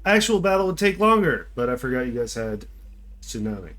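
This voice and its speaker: A man's voice: medium pitch, very animated, a little fast, a bit bright. A man running a tabletop game as game master, narrating the story and chatting casually with players.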